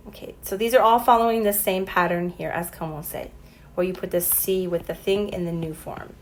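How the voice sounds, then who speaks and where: A woman's voice: on the low side, steady tone, a little fast, slight background noise, poor audio. A woman teaching a French lesson, explaining patiently, spelling words out letter by letter and sounding out example sentences. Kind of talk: recorded classroom lesson.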